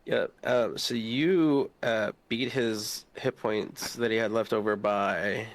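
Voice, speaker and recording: A man's voice: fairly low pitch, fairly even intonation. A man running a tabletop game as game master, describing the action with frequent laughs, fillers and swearing. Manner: laughs often, loose and profane, halting narration with fillers.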